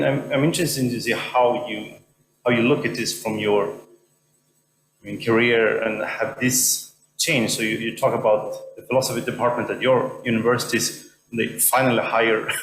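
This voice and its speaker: A man from Sweden in the audience asking a question at an academic lecture, talking haltingly with many restarts. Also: medium pitch, steady tone, vocal fry, fairly bright tone. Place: lecture hall. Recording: echoey hall with faint hum.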